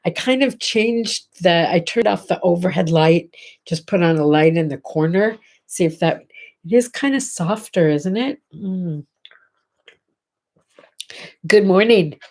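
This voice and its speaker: Her voice sits on the low side, a little mellow, with lively intonation and a measured pace. She is a middle-aged host with a congested, nasal sound, running a casual morning livestream from her home bedroom and addressing viewers directly.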